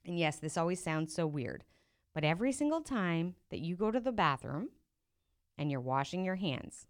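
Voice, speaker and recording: A woman's voice: fairly low pitch, very animated, normal speed. A woman hosting her own podcast as a business coach, talking straight to listeners in a direct, encouraging way and often asking rhetorical questions. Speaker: podcast host and profit coach. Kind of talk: solo podcast coaching talk.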